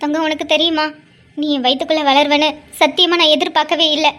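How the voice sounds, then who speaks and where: A woman's voice: high voice, little pitch movement, fast, pushed and bright. Woman voicing a tearful young mother. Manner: emotional, tearful pleading. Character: young mother, hurt and tearful but resolute. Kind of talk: cartoon drama voice acting.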